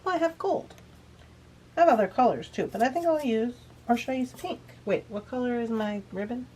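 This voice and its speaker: Slight background noise sits under this woman's fairly high, mellow voice as she talks a little fast. She's hosting a beading tutorial, laid-back and chatty, explaining each step while she works, with a bit of a sniffle. It's a casual craft demonstration.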